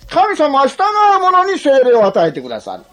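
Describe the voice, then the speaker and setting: A man's voice: extremely high pitch, huge pitch swings, normal speed, fairly bright tone. A man preaching a sermon in a chatty, humorous way, often asking his listeners questions. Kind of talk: sermon to a congregation.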